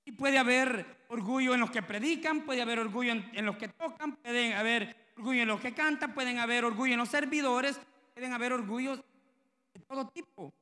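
A man's voice: extremely high pitch, a little fast, pushed and bright, big-room sound. A man preaching a sermon, telling stories and acting out the dialogue in them. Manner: conversational storytelling, acting out quoted dialogue.

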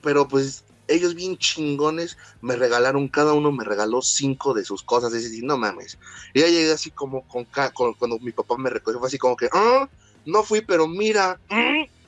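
A man's voice: medium pitch, fairly quick, no room sound, soft background music. A man with a Mexican accent telling childhood stories in casual, slangy chat, acting out what people said. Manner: animated, slangy, acts out quotes.

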